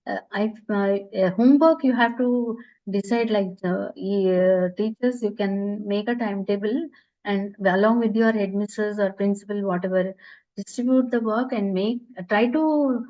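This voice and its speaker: A woman's voice: medium pitch, moderate pace, lo-fi sound. A woman teacher trainer answering questions in an online session, earnest and advice-giving with many hesitations, heard over a video call. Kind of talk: online webinar Q&A.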